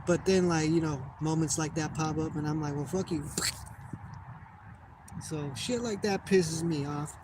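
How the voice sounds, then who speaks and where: With hardly any pauses, a young American vlogger talks casually at a moderate pace, swearing often and drifting off his point. His voice sits somewhat high, and the background is noisy.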